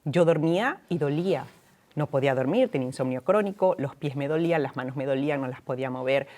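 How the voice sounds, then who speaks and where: A woman scientist on a talk show, recounting her own experience earnestly, her voice dropping soft and low. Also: quick pace. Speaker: guest, scientist. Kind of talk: personal testimony in a talk show.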